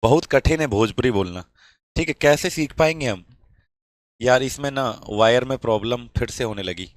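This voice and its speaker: A man's voice: mid-range voice, moderate pace, no room sound. A male science teacher running a live online class, chatting with students and reading their comments aloud.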